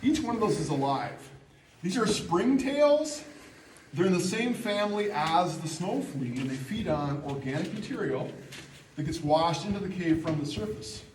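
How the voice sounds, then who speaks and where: High-voiced man guiding an echoing cave tour. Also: lively intonation, normal speed, a little mellow. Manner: instructive, addressing a group as an echoing cave guide. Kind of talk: guided tour talk with questions to a group. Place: inside a cave, group around. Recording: echoey cave, distant mic, faint noise.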